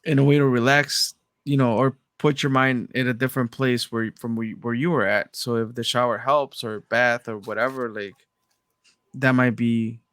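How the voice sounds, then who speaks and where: A man's voice: medium pitch, dry recording, studio quality. A young man co-hosting a podcast, chatting casually and slipping Spanish phrases into his English. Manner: relaxed, mixes Spanish into English. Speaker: podcast co-host. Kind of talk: casual chat.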